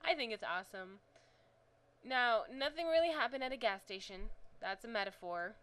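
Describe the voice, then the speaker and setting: A woman's voice: a little high, animated, normal speed, a bit bright, rough recording. A woman talking casually about her own story, rambling and apologetic in a self-conscious way. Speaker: amateur storyteller. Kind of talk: casual chat to camera.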